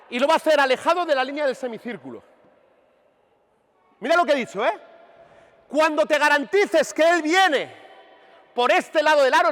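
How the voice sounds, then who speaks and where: A man coaching basketball players on court, animated and emphatic, firing questions at them as he demonstrates. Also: very high voice. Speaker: basketball coach running a clinic. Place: large indoor sports hall. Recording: reverberant gym recorded from a distance.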